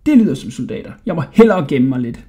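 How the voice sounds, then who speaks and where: A man's voice: mid-range voice, very animated, warm tone, natural voice. A man voicing a cheeky, clever young boy in a storybook reading. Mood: eager. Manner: cheeky, teasing.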